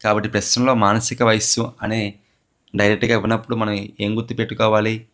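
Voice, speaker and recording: A man's voice: on the low side, little pitch movement, fast talker, fairly bright tone. A man teaching psychology for a teacher exam, asking a question and then answering it himself, and repeating key terms to drive them home. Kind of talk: exam question walkthrough lecture.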